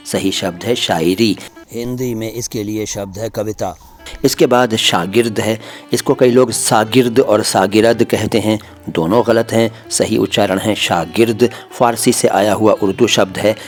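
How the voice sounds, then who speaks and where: A man teaching the correct pronunciation of words in a patient, corrective way, speaking directly to his viewers. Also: fairly low pitch. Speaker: language teacher. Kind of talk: pronunciation lesson.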